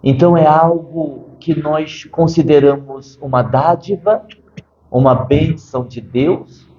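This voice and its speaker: A man speaking as a spirit doctor, slow and unhurried, with a mellow, dark tone. He is measured and drops dry humor into a serious channeled interview, and the recording sounds a little dull. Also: on the high side, roomy sound.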